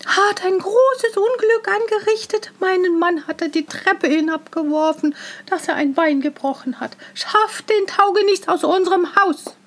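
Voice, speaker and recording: Woman doing frantic village wife, shrill, high, storybook. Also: lively intonation, unhurried, a little mellow. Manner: shrill, agitated.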